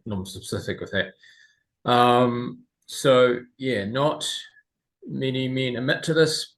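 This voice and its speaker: A man in his forties with a New Zealand accent, telling his story as an interview guest, halting and full of pauses. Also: lowish voice, fairly bright tone, low-quality recording. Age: 40s. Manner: halting, with many pauses and fillers. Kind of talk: remote interview.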